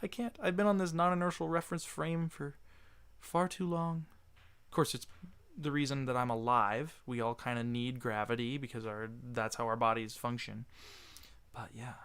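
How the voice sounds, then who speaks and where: A man's voice: mid-range voice, level tone, normal speed, fairly bright tone, smooth. A man hosting a casual livestream Q&A, chatting loosely and reading viewer messages aloud. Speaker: livestream host answering chat.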